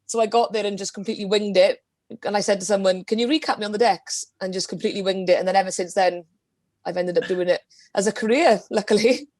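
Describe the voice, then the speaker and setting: A woman's voice: medium pitch, fairly even intonation, fast, darkish tone, no room sound. A woman in her twenties with a Welsh Valleys accent, chatting casually and telling anecdotes in an interview on a video call. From Wales, the Valleys. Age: 20s. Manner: informal, anecdotal storytelling. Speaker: guest, DJ. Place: small indoor room at home, video call.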